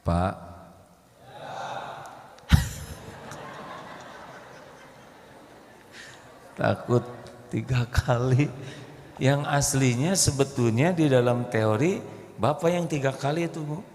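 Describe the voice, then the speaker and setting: A man's voice: medium pitch, extremely slow, pauses often, a little hiss or hum. A man preaching an Islamic sermon to a congregation, telling stories and acting out pleading voices. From Indonesia. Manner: lively storytelling, acts out pleading voices. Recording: echoey hall.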